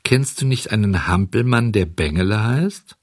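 A man's voice: lowish voice, lively intonation, normal speed, no room sound, studio quality. A man voicing a huge, friendly, curious male pigeon in a storybook reading. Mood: brisk.

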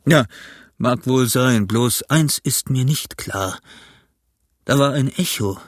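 A scheming pirate captain, bold and defiant, who blusters his crew along, as a man reading the story puts him on. The voice is husky and sits close to the mic with no room sound. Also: mid-range voice, takes it slowly, no room sound. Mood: scoffing.

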